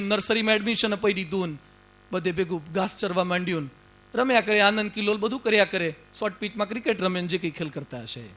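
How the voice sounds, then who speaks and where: High-voiced, bright preaching monk. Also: male voice. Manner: folksy, humorous, exhorting. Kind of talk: storytelling sermon.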